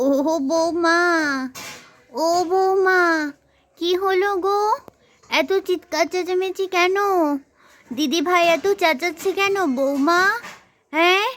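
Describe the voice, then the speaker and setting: A woman's voice: very high voice, slow, long pauses, a bit bright, slight background noise, heavily acted. A woman voicing an older grandmother who demands to know what is going on. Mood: demanding. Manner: demanding, questioning. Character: grandmother, scolding mother-in-law.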